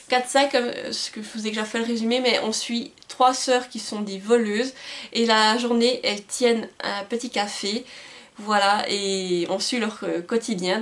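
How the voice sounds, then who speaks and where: A woman book vlogger talking casually through her book haul, often stumbling and restarting words as she stammers. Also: medium pitch. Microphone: camcorder's built-in mic.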